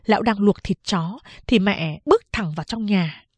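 A woman reading a novel aloud as an audiobook narrator, in a steady, even storytelling manner. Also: medium pitch, normal speed, dry recording.

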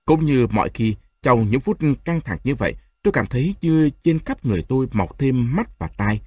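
A man narrating a novel in an expressive audiobook reading. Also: medium pitch, normal speed, husky, no echo, clean studio sound. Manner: expressive storytelling.

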